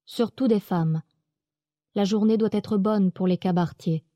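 A woman reading a classic novel aloud in calm, even first-person narration. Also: medium pitch, a little slow, dry recording.

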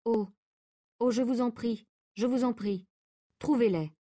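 Brief: a hesitant, trembling wife under a spell, read by a woman, soft and high, storybook reading. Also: a little slow, lightly acted. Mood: pleading. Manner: hesitant, trembling, near tears. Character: anxious young wife, pleading under hypnotic command.

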